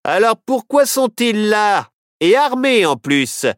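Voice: medium pitch, sing-song, slow, no room sound, studio quality, pitched above the performer's own voice. A storyteller voicing a suspicious, short-tempered sheriff in a children's storybook, speaking in a commanding, blustering way.

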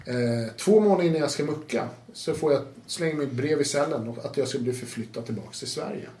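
A man guest telling his own story in a casual, animated way, swearing now and then and acting out what others said. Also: medium pitch. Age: adult with children. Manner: animated, swears, acts out quotes, laughs often. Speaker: interview guest. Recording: roomy room with faint noise.

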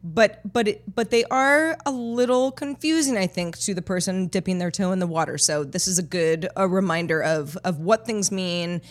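A woman's voice: lowish voice, moderate pace, hardly any pauses. A woman co-hosting a podcast in casual chat, self-deprecating, circling back over her words as she goes. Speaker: podcast co-host and producer.

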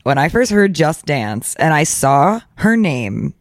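A man's voice: fairly high pitch, very animated, takes it slowly, no echo, studio quality. A man hosting a casual podcast chat, speaking in an emphatic, slangy way and repeating phrases for effect. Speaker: podcast host.

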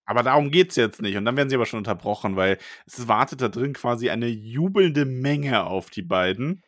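Lively man co-hosting a book podcast. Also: mid-range voice, fairly quick, dry recording. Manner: animated, laughs often, retells scenes in voices. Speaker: podcast co-host. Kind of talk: casual chat about a book chapter.

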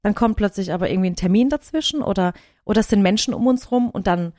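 A woman in her thirties, a podcast co-host, chatting casually and telling long stories in an animated way. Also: medium pitch, fast, dry recording, studio quality. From Germany. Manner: animated storyteller, talks at length. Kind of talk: casual chat.

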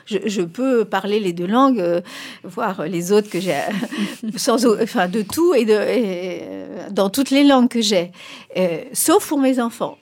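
A middle-aged woman, a native Spanish speaker, gives expert answers in an interview at a measured pace. Her intonation is lively and her voice a little mellow, and she speaks emphatically, her pitch jumping on key points.

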